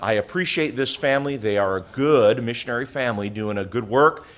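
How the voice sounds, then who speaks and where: A man's voice: mid-range voice, fairly quick, fairly bright tone. Pastor man introducing a guest. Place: church sanctuary.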